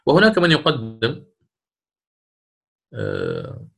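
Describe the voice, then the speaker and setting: A man teaching Quran recitation in a recorded lesson. He explains each rule step by step and chants short verse examples slowly. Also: mid-range voice, huge pitch swings, gravelly, slightly rough.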